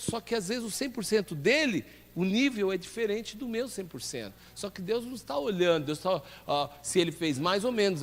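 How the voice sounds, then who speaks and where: A man with a Brazilian Portuguese accent, a pastor teaching a ministry class in a church, who puts questions to the class and answers them himself. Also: high-pitched. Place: church hall. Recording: long hall reverb.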